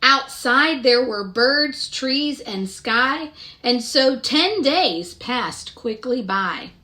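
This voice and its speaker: A high-pitched woman reads a children's picture book in a deliberate, expressive style. She breaks off at points to ask the kids questions.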